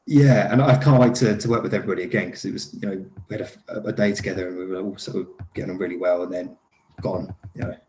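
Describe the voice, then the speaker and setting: With a low, steady, darkish voice and a quick pace, a lead actor guest talks loosely about his acting, laughing easily and restarting often amid fillers. The echoey recording carries a little hiss or hum.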